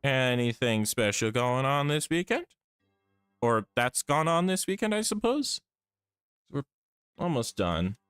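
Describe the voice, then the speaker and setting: Guy streaming his drawing, a bit tired and off today, slow talker, pitch jumps all over, dry close mic. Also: very animated, a bit bright, smooth, no room sound, faint music behind. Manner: chatty, thinks aloud while drawing. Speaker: art streamer. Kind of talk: casual live-stream chat.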